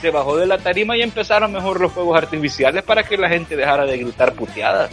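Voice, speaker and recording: A Salvadoran man with a bright, forceful voice and a slightly high pitch, telling stories full of swearing and laughter. Faint music plays behind him. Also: quick pace. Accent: Salvadoran Spanish. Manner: profane, laughing, animated storytelling. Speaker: podcast co-host. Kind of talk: crude casual banter.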